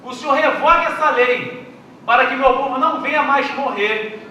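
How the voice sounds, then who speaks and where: A man's voice: very high voice, normal speed, bright, forceful tone, a little hiss or hum. A man voicing an earnest young queen pleading for her people, heard far off in an echoey hall.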